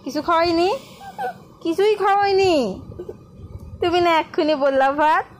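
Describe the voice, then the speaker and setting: A woman with a Bangladeshi Bengali accent, a mother coaxing her toddler with gentle, repetitive questions at home. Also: very high voice, a little slow, slight background noise. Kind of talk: home vlog baby talk.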